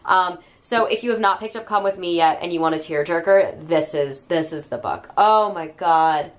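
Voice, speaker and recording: A woman's voice: on the low side, normal speed. Woman with a cold, gushing about books. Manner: enthusiastic, gushing, with fillers. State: hoarse from a cold. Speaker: book reviewer. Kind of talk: casual book review vlog.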